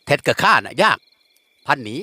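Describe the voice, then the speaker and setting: A man's voice: a little fast, bright, forceful tone, no echo. A man voicing a blunt, loyal young village man who talks persuasively. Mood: reassuring.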